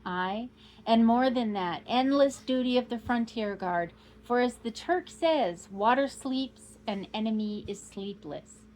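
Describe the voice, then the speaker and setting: A woman reading aloud as a proud, boastful old male count, declaiming grandly and rising to loud outbursts. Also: on the high side, animated, measured pace, a little hiss or hum.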